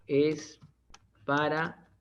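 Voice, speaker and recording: A male teacher explains grammar in an online class, checking in often with quick tags and joking everyday examples. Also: a little high, flat delivery, fairly bright tone. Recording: dull lo-fi online class audio.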